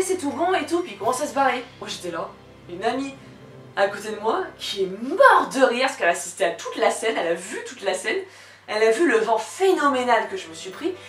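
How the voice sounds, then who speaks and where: A woman's voice: on the high side, fairly bright tone. Young female vlogger, echoey and a bit far from the mic. Chatty, giggly storyteller with slangy bluntness and a slightly strained, cracking voice. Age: young adult. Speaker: video creator telling personal anecdotes. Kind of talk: casual storytelling vlog. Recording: echoey room, distant microphone. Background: faint music.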